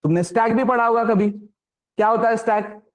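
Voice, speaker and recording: A man's voice: very high-pitched, steady tone. A man giving a programming lecture, often stopping to ask if the class understands. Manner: keeps checking understanding with quick questions. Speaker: programming instructor.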